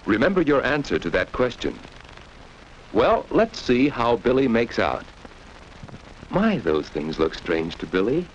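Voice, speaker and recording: With a mid-range voice that swings widely in pitch, a male narrator moves at a measured pace with long pauses. He instructs children through storytelling in a 1940s educational film, putting questions to them, over a dull, noisy soundtrack.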